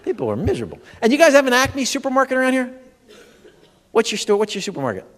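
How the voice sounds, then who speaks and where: Animated high-pitched comedian in a hall. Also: male voice, fast, a faint crowd. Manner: animated storyteller, acts out dialogue, addresses audience. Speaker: comedian and humor educator. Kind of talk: stand-up comedy talk. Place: large expo hall before a live audience. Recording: long hall reverb.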